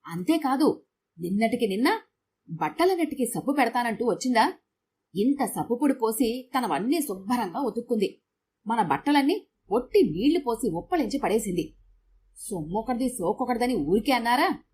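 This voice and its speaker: A woman voicing a sharp-tongued middle-aged housewife who scolds curtly. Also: on the high side, big pitch swings, moderate pace, a little hiss or hum. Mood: scolding. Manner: scolding, curt.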